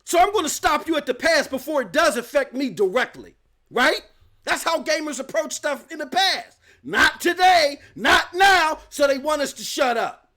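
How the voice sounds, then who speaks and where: A man's voice: very high-pitched, expressive, normal speed, a bit bright. A man hosting a live gaming news stream, ranting emphatically with slang and rhetorical questions.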